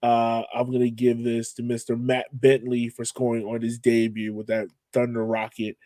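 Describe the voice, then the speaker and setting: A man co-hosts a soccer fan podcast, discussing games in a casual, informal, upbeat way. His mid-range voice is warm yet monotone, at a moderate pace, and there's no room sound.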